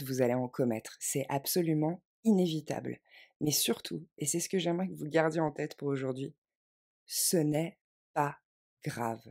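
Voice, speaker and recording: A woman teaching an online language lesson, speaking in a clear, measured, reassuring way and stressing key phrases. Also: on the low side, dark tone. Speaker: English teacher.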